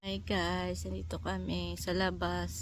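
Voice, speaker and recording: A woman's voice: lowish voice, completely flat delivery, a little slow, loud music behind the voice. A woman chatting casually in a home vlog, showing her fridge and her groceries, switching between Tagalog and English. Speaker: vlogger. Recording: noticeable background noise.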